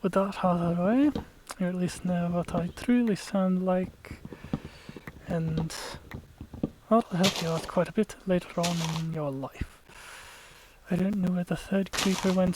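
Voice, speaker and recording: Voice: medium pitch, noisy background. Chatty gamer explaining play as it goes. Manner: chatty, explains tactics to viewers. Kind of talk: casual gameplay commentary.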